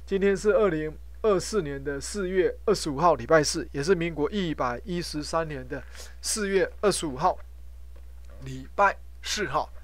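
A middle-aged man giving an informal lecture on Sanskrit pronunciation, repeating himself and ending phrases with a drawn-out "ha". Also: a little high, no echo. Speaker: professor teaching Sanskrit pronunciation.

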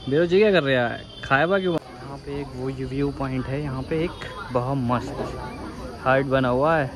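There's crowd noise as a young vlogger from India walks a hillside restaurant and park, teasing his friend in a casual phone video. He speaks at a moderate pace with a medium pitch, and the outdoor phone audio picks up clear background sounds.

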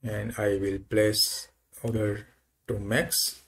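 A man explains a software setup step by step, thinking aloud. His voice is low and gravelly with a husky edge. He talks very slowly, pausing often with fillers. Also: flat delivery. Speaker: software tutorial presenter. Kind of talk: screen-recorded software walkthrough.

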